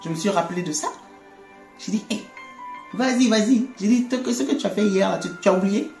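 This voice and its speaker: A woman giving a conversational faith testimony, animated, laughing often and repeating words. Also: mid-range voice, quick pace, vocal fry. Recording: echoey room with faint music.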